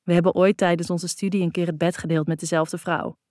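A woman's voice: lowish voice, flat delivery, a little fast, a little mellow, no echo, studio quality, lightly acted. A woman reading the lines of an easygoing, playful young man in a light, teasing manner. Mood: breezy.

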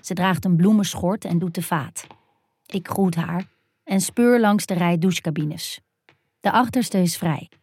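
Woman softly narrating an erotic story. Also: fairly low pitch, measured pace, slightly rough, dry recording.

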